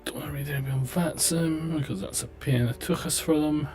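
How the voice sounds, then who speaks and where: A man's voice: fairly high pitch, fairly even intonation, quick pace, a little mellow. A man live-streaming a flight simulator with casual commentary, muttering to himself in a dry, sweary, self-deprecating way. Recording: game stream with clear background music. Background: music.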